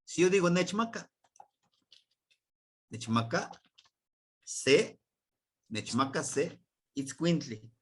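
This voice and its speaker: A man with a Mexican Spanish accent teaching a language class, repeating words slowly and quizzing his students. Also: a little high, big pitch swings, a bit bright, a little hiss or hum. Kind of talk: classroom grammar lesson.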